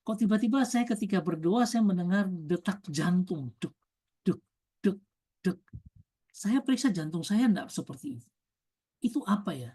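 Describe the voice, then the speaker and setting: A woman's voice: medium pitch, expressive, normal speed, pauses often, warm tone, slightly rough. A woman voicing a young woman who tells her preacher about a vision she had while praying, in a plain sermon retelling. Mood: awed, earnest.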